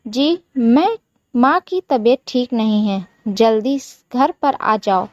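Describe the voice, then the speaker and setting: A woman voicing a mild, calm young husband in a slow storybook telling. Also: fairly high pitch, no echo, lo-fi sound. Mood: concerned.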